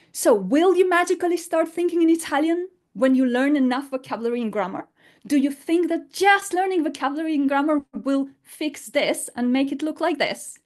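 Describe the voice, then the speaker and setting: A woman teaches an unscripted online lesson in English, her fourth language rather than her first, explaining emphatically and using rhetorical questions. Her voice is high and a little mellow.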